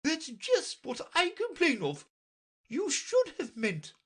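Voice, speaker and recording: A woman voicing a stern, bossy queen who scolds sharply and loudly. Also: high-pitched, wildly swooping pitch, slow, voice pushed up, heavily acted. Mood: imperious scolding.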